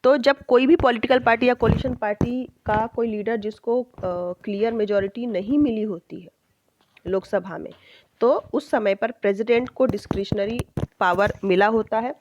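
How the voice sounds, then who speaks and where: A woman teacher explaining a textbook chapter, reading English lines slowly and checking in often with her students. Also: on the high side, highs cut off, background noise. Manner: slow, deliberate reading of English lines, with frequent check-ins.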